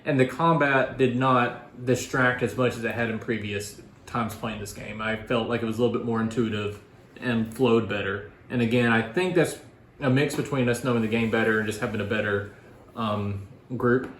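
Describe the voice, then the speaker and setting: A man's voice: medium pitch, fairly even intonation, moderate pace, fairly bright tone, slight background noise. Man rambling casually in an echoey room. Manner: rambling, informal explaining. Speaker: guest board game reviewer. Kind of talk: casual chat, board game review.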